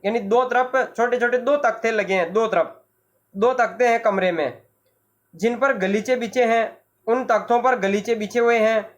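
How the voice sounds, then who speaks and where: Teacher walking a class through a text, slow and repetitive, explains word meanings. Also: medium pitch. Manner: explains slowly, repeats and restates word meanings. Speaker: Hindi teacher.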